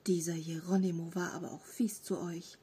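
Woman doing a storybook monster, small, furry, three-eyed, mischievous, rough half-whisper, breathy. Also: lowish voice, flat delivery, normal speed, warm tone, pitched below the performer's own voice. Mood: cheeky friendly. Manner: mischievous, friendly. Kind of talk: audiobook character voice.

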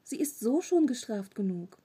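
A woman's voice: fairly high pitch, sing-song, normal speed, warm tone, slightly rough, heavily acted. A woman reading a storybook, voicing an earnest, questioning nine-year-old boy.

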